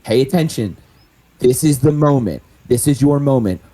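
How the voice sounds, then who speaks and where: A man's voice: medium pitch, animated, normal speed, lightly acted. A man playing an aggressive gunman who barks repeated orders. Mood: commanding. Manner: forceful, commanding, repeating orders. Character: aggressive gunman forcing attention at gunpoint.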